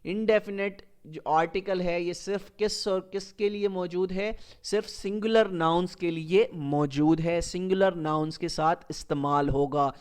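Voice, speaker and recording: A man teaching a grammar lesson in a fairly high, smooth voice. He asks questions and then answers them himself, going over each rule more than once. When he reads English example sentences, he says them slowly and carefully. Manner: explains slowly, repeats rules, asks and answers his own questions. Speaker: English teacher for exam candidates. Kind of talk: recorded classroom lecture.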